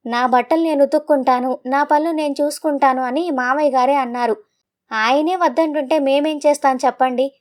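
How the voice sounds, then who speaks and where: A woman's voice: high-pitched, darkish tone, lightly acted. Woman doing a defiant daughter-in-law. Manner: heated, defiant. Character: sharp-tongued young daughter-in-law.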